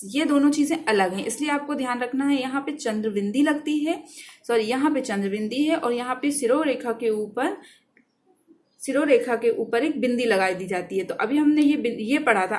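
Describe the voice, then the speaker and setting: A woman teaching a Hindi grammar lesson, who repeats key points, asks the class questions and answers them herself, and slows down on the terms that matter. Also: a little high, slight background noise.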